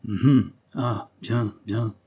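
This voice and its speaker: A man's voice: lowish voice, steady tone, slow. A man voicing a kindly older army major, hesitant and fatherly toward a young officer. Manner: hesitant, gruff warmth.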